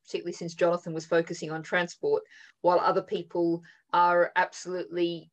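A woman with a fairly low voice hosts a webinar panel over a video call. She introduces speakers and poses questions in a thoughtful, halting way, often pausing on "um" as she gathers her thoughts. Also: little pitch movement, rough recording. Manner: thoughtful, halting, with frequent "um" fillers. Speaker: webinar moderator. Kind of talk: moderating an online panel.

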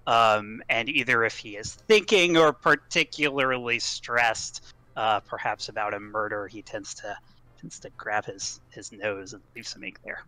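Male tabletop player, unhurried and halting, bright crisp voice, dry close sound. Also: on the low side, no room sound. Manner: hesitant, many ums and uhs. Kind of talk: describing a tabletop character.

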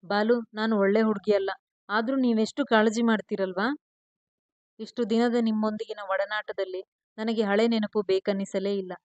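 A woman's voice: mid-range voice, steady tone, normal speed, darkish tone, dry recording, lo-fi sound, close to an everyday voice. Woman voicing a remorseful, tearful young woman. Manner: pleading, apologetic.

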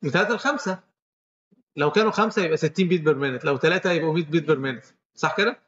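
A man's voice: a little high, very fast, fairly bright tone, lo-fi sound. A man with an Egyptian Arabic accent giving a medical lecture, walking students through each step and quizzing them as he goes.

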